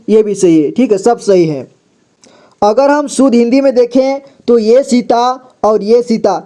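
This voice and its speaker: A patient male teacher walks through a lesson, sounding out each word slowly and repeating it. His voice sits fairly high, yet its tone stays dark and mellow. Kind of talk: spoken lesson.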